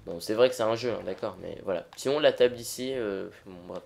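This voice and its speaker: A man's voice: on the low side, fairly quick, gravelly, darkish tone. Casual man commenting on a video game. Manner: informal, hesitant, talking to viewers. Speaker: let's play host. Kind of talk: casual improvised gameplay commentary.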